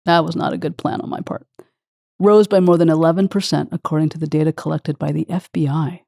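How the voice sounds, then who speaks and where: Gravelly low-voiced woman hosting an interview. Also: fairly even intonation, brisk, no echo, studio quality. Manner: warm, effusive, openly emotional. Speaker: podcast host. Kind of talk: emotional conversational interview.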